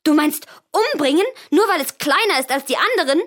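A woman voicing an eight-year-old girl who cries out in high, shrill pleas. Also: lively intonation, brisk, a bit bright. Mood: horrified.

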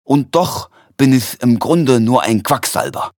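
A man voicing an emotional, excitable male quack healer who speaks earnestly. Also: medium pitch, unhurried, voice pushed up, close to an everyday voice.

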